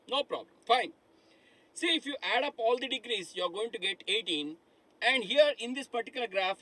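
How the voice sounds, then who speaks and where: A middle-aged man's high, bright and forceful voice comes through poor audio as he teaches a live online class from a studio with a dark digital board behind him. He keeps addressing students as "my dear friends," asks them questions and says things more than once.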